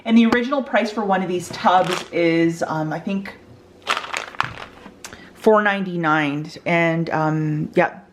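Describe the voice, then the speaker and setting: A woman hosting a casual couponing haul vlog, chatty and excitable, often laughing. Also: fairly low pitch, measured pace, background noise. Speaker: couponing vlogger.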